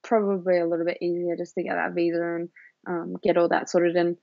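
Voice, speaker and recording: Australian woman, 20s, guest on a video call, low and flat delivery, dull dry audio. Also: fairly quick, gravelly, no echo. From New Zealand. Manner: rambling, lots of "like" and "um". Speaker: guest fighter. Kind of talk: casual interview over video call. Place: dim room indoors. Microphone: webcam on video call.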